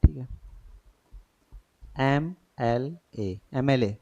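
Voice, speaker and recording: A man's voice: mid-range voice, extremely slow, warm tone, lo-fi sound. A man teaching an exam-prep grammar lesson, often quizzing his students and checking they follow. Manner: questioning, repeats checks like "thik hai".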